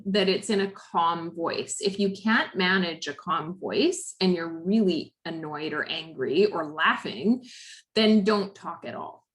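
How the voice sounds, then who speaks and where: A woman with a Canadian accent presenting a recorded parenting workshop over slides, explaining in a friendly way with frequent "um" and "right?". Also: fairly low pitch.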